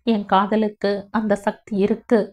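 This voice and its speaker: A woman's voice: mid-range voice, little pitch movement, unhurried, a little mellow, natural voice. A woman voicing a possessive, lovesick young village man who pleads earnestly in a storybook reading. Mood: pleading. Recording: dull lo-fi audio.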